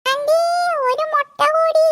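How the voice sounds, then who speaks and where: A very high, squeaky little boy in a cartoon, cheeky and bossy, always demanding more food, as a woman puts him on. he talks back with a pushy, bratty edge. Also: quick pace, gravelly. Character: boastful greedy little boy guest. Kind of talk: cartoon voice acting.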